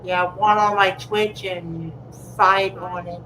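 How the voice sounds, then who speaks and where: A man's voice: sits high, fairly even intonation, slow pace, noisy background. A man co-hosting a casual livestream, mostly giving short interjections and reading out names from the chat. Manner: brief interjections and chat read-outs. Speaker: co-host.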